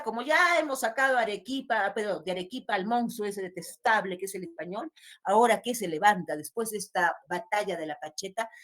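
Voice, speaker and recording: A woman teaching literature, explaining a poem line by line and answering her own questions. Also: medium pitch. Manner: asks questions and answers them herself, explains word meanings. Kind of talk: classroom lesson explaining a poem.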